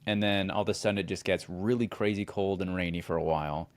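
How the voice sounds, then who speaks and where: Mężczyzna o niskim głosie, prowadzący podcast. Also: male voice, low voice, fairly even intonation, quick pace. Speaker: podcast co-host. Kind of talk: casual chat and read-out show promo.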